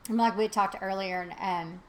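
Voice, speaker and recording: Speaking at a moderate pace in a mid-range voice, a middle-aged woman acts as host of a relaxed conversation. Her storytelling is lively and packed with fillers.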